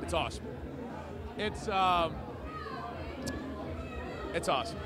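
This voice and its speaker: A man's voice: high-pitched, expressive, takes it slowly. A man chatting casually and enthusiastically in an interview as a wrestling ring announcer. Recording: outdoor urban crowd and traffic noise.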